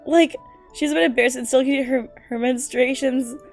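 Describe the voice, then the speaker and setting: Reacting to fan fiction on stream, a young woman who isn't a native English speaker reads aloud and comments in a slangy, foul-mouthed way, giggling and getting exasperated. She talks briskly in a high voice with fairly even intonation, over faint background music.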